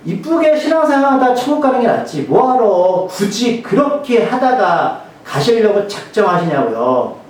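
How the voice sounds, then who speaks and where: Joking pastor in an echoey hall. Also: male voice, high voice, sing-song, normal speed, hardly any pauses, a little mellow. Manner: joking, conversational, many rhetorical questions. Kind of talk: sermon. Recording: very echoey hall, mic far off.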